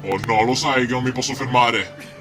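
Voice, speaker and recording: A man's voice: medium pitch, moderate pace, over music, natural voice. A man with a Sicilian accent dubbing a foul-mouthed, panicky character in a comic amateur dinosaur adventure spoof. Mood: panicked. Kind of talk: comic amateur dialect film dub.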